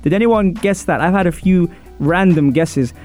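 This sports talk show host keeps his guest interview chatty and relaxed, his slightly mellow voice sitting high at a moderate pace. Music plays underneath the casual radio conversation.

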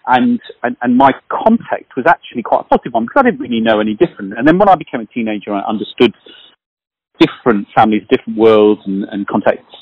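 A man's voice: mid-range voice, fast talker, slightly rough, dry recording, muffled recording. A man in his forties hosting a casual conversation, telling stories animatedly and swearing now and then. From British. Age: 40s. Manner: animated storyteller, swears, acts out voices. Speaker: podcast host.

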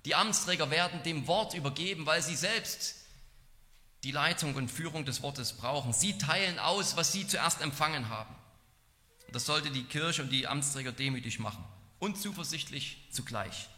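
A man preaching an expository sermon in an earnest, measured way. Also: fairly high pitch, pushed and bright. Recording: long hall reverb.

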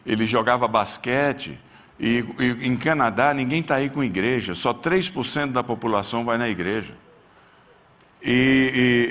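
A pastor, preaching a sermon and telling a personal story with strong feeling. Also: male voice, fairly bright tone. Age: 60s. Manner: emotional storytelling, voice rising in pitch at peaks.

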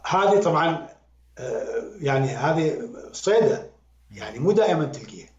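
A music critic with an Iraqi accent appears as a podcast guest, offering conversational critique in a brisk, high-leaning voice. He speaks animatedly and emphatically, repeating words to hammer his point home, and the audio has a roomy, dull lo-fi quality.

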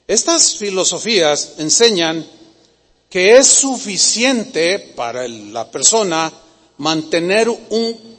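High-voiced pastor preaching. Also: male voice, fairly bright tone. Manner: emphatic, repetitive, questions the congregation. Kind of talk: sermon. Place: church hall. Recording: long hall reverb.

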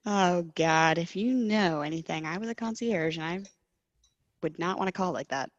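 A woman's voice: fairly low pitch, normal speed, no echo, dull audio. Giggly young woman, dry closet recording. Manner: giggly, conversational. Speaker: podcast co-host. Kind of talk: casual chat. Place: inside a closet at home.

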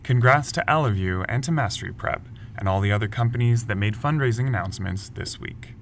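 A man co-hosting a news podcast, reading scripted headlines in a brisk, lightly wry way. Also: lowish voice, noisy background. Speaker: podcast co-host.

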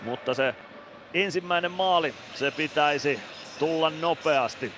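A man giving radio play-by-play commentary on an ice hockey game from an arena booth, calling the action in quick, steady phrases. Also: on the high side, noisy background. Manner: rapid steady play-by-play, rising to shouting at goals.

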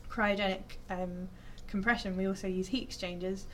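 Woman explaining science stuff, lots of ums, nerdy and enthusiastic, mid pitch. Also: fairly even intonation, normal speed, a little hiss or hum. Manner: chatty and enthusiastic, full of fillers and self-corrections. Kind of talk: informal science explanation to an audience.

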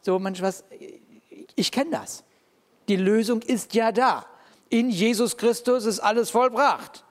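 High-voiced man preaching in a reverberant hall. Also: a little slow. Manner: lively, conversational preaching with frequent "ja?" asides. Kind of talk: sermon. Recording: long reverb of a large hall.

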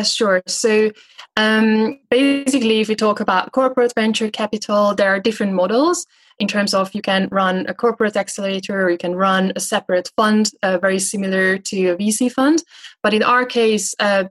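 Woman in her thirties, interview guest, halting delivery with frequent fillers. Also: mid-range voice. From Hungary. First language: Hungarian. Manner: hesitant, frequent filler sounds. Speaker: guest investment manager. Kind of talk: conversational interview answers.

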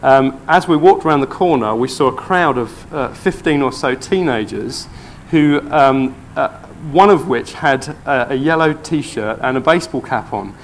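A man preaching, telling a testimony story in church with earnest excitement. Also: medium pitch, moderate pace, hardly any pauses, slight background noise.

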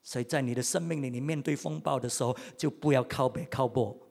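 A male pastor preaches with animated energy in a brisk, creaky, mid-range voice. He swings between loud outbursts and quiet asides, repeating words to drive points home.

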